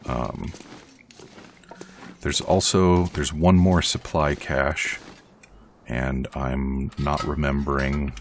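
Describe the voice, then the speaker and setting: A man with a very deep, gravelly voice chats his way through a survival game as host of his own let's play. He rambles and pokes fun at himself as he plays. A faint hiss sits under the recording. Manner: chatty, rambling, self-deprecating. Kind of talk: casual game commentary.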